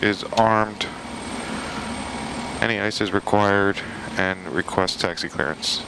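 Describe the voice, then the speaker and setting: A gravel-voiced man speaking low and slowly reads checklists and makes pilot radio calls in a flight simulator, all procedural and matter-of-fact. He streams flight sims and is a pilot, and the steady drone of a simulated turboprop cockpit runs underneath.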